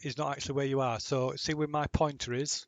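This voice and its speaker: A man's voice: medium pitch, little pitch movement, brisk, no echo. A man running a tabletop game as game master, talking in a hesitant way with many restarts.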